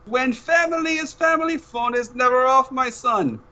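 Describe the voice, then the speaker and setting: A man's voice: very high-pitched, moderate pace, bright, forceful tone, voice pushed up, exaggerated voice. A man playing a doting older spy father who speaks broken English. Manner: broken-English, fond, bossy.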